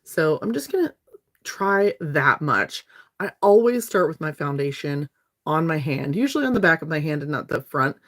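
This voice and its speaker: A woman in her fifties speaks with a low, deep-set voice. She talks to her viewers in a chatty, friendly way while doing her makeup on a livestream. A slight lingering cough stays with her. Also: animated, normal speed, a bit bright. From North Alabama, USA. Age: 50s.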